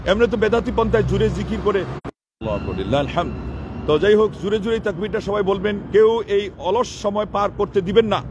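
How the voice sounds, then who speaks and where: A male preacher gives a sermon. He explains each ruling patiently and poses questions he then answers himself. A faint hum of traffic sits behind him. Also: high voice. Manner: explanatory, asks and answers his own questions. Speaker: Islamic preacher.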